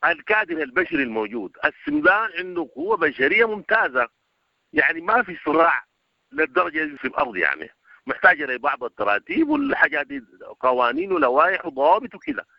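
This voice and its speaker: A man's voice: high voice, wildly swooping pitch, quick pace, gravelly, no room sound, muffled recording. A man with a Sudanese Arabic accent, an agricultural expert answering radio interview questions at length.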